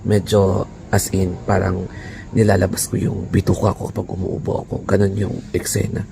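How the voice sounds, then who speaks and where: A man vlogging casually with a hoarse, raspy voice, chatting and slipping in English words and breathy laughs. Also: low-pitched, monotone, moderate pace, dark tone, a little hiss or hum. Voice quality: raspy, croaky voice. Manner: chatty Taglish, mixing in English; laughs breathily between phrases. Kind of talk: casual vlog chat.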